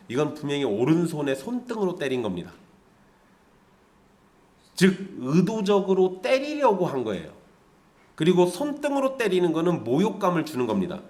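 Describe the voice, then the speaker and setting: Male pastor, sermon, fairly high voice, very animated pitch, rhetorical questions to the congregation. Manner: lively, conversational preaching with rhetorical questions to the congregation.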